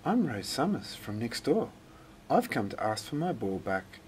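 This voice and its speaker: A man's voice: mid-range voice, big pitch swings, a little slow, slight background noise. A man voicing an earnest, polite young girl in a children's storybook. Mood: timid, polite. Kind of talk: storybook character voice.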